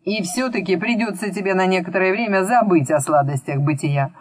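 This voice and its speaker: A woman's voice: fairly low pitch, a little fast, no echo, close to an everyday voice. A woman reading Koshchei, a sly old sorcerer villain. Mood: mocking. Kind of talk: audiobook reading.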